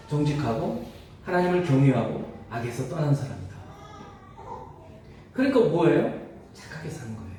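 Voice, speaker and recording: A male pastor delivers a sermon in a high voice that rises and falls with lively swings. He talks to the congregation as if in conversation, often asking them questions. The sound comes from a distance in a very reverberant church hall. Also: a little hiss or hum. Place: church sanctuary. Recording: echoey church hall from far off.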